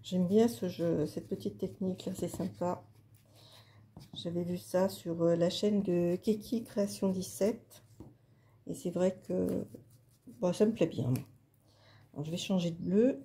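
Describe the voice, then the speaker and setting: A woman chats casually while she works at her craft table, pausing often with fillers. Her voice is low and gravelly, with a very dark, mellow tone. A faint hiss of noise runs underneath. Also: steady tone. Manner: chatty, hesitant, many fillers. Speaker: craft video host. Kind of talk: casual craft tutorial talk.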